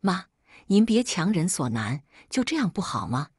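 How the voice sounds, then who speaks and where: A woman's voice: lowish voice, sing-song, moderate pace, slightly rough, no room sound, studio quality. Woman reading as a blunt protective young man.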